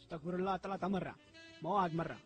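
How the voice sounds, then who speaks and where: A man acting out a pushy Pakistani caller in a comedy phone sketch who brags that he is a Saudi tribesman. He talks in broken Arabic, teasing and pleading by turns, with a very high voice. Faint music plays underneath. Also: very fast, close to an everyday voice. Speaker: prank caller.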